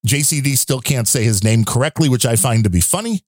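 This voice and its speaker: A man's voice: medium pitch, expressive, fairly quick, darkish tone, dry recording, studio quality. Chatty man reading out donor thanks. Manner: chatty, rambling, wry asides. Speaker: podcast co-host.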